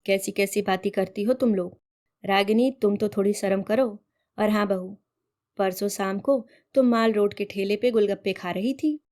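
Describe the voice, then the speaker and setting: A woman's voice: medium pitch, moderate pace, darkish tone, natural voice. A woman voicing a strict, old-fashioned village mother-in-law who scolds in rustic turns of phrase. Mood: reproachful.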